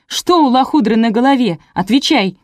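Woman doing a screechy jealous wife in an audiobook, high and loud, totally losing it, dry close sound. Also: normal speed, no echo, lightly acted. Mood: shrill furious. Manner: shrieking, hurling insults. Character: hysterical jealous wife, shrill and furious. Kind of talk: audiobook character voice.

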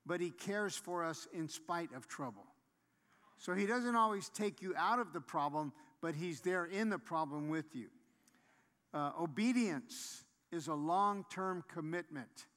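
Emphatic preacher in a reverberant hall. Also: male voice, fairly high pitch, a bit bright. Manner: emphatic, repeats key points, rises to exhortation. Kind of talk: sermon.

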